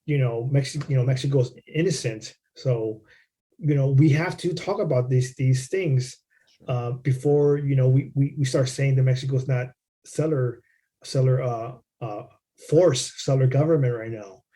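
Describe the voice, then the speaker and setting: A man's voice: mid-range voice, unhurried, mellow. A man co-hosting a podcast in casual conversation, rambling through history, swearing freely and checking in with "right?" and "you know". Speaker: podcast co-host.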